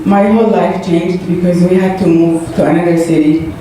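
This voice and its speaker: A woman from Saudi Arabia whose first language is Arabic gives personal testimony to a congregation as a guest in a church hall. She speaks earnestly and haltingly with fillers, in a lowish, mellow voice with fairly even intonation. The hall is echoey, and the recording is distant and noisy.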